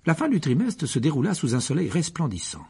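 A man reading a novel aloud as an audiobook narrator, expressive and dramatic. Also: brisk, gravelly, slightly rough. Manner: expressive, shifts pitch widely for dramatic moments. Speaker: audiobook reader. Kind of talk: scripted narration.

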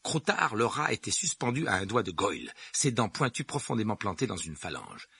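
A man calmly narrating a novel in a steady reading voice. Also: a little fast, creaky, breathy edge. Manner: calm, lowered narrating voice. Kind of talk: audiobook reading.

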